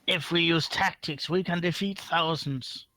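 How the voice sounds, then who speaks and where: Bold badge-carrying leader, played by a man, raised pitch, bright and rallying; tabletop game. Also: normal speed, no room sound, faint music behind. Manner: loud and rallying, confident.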